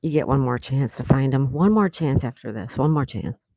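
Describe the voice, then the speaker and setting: Mellow-voiced older woman hosting a livestream. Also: very deep voice, animated, moderate pace, dry recording. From South Florida, USA. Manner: chatty, reads comments aloud, laughs often. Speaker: livestream host reading chat. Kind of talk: casual live-stream chat.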